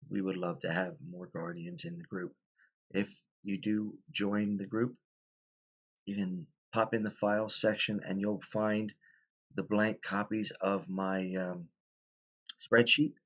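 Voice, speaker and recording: Tired deep-voiced man rambling through a tutorial. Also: lo-fi sound. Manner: rambling, many ums and restarts. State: tired, stifling yawns. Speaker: tabletop game tutorial host. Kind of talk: casual explanatory tutorial.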